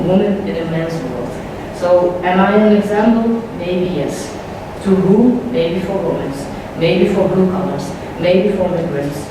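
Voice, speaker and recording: A non-native woman speaks in a steady, earnest way to a panel audience in a big conference hall. Her voice is distant from the mic and rings with heavy echo over clear background noise. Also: lowish voice. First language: Dutch. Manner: earnest, deliberate, stumbles over words. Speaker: member of parliament, panel speaker. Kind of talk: prepared speech at a panel.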